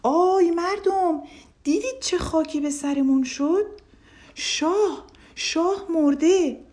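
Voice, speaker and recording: A woman's voice: on the high side, animated, a little mellow, natural voice. A kind, clever old village man from a children's storybook, as a woman narrator puts him on. He talks earnestly and pleads, with a voice that rises and falls a lot. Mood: wailing loudly.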